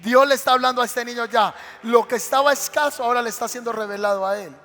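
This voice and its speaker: In a church sanctuary, a man delivers a dramatic, storytelling sermon, performing each scene as he describes it. His voice is very high and a little bright, and he speaks fast. The hall is reverberant, with faint music in the background.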